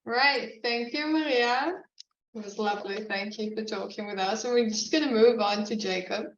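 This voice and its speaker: A woman's voice: on the high side, moderate pace. Woman host moderating a zoom panel, far off mic, roomy echo. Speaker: event host. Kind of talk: moderating a panel on video call. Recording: distant, echoey, muffled, with faint noise.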